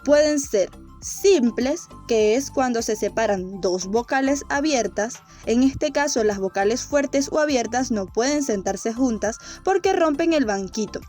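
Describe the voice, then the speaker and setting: A woman teacher giving a grammar lesson to children, explaining slowly and clearly with playful images. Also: fairly high pitch, expressive, a little mellow, faint music behind.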